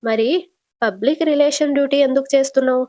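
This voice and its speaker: Brisk boss-doctor, questioning tone, fairly high voice, as a woman storyteller plays her; retold serial. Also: steady tone, a little mellow, no echo, natural voice. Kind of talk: casual retelling of a TV serial.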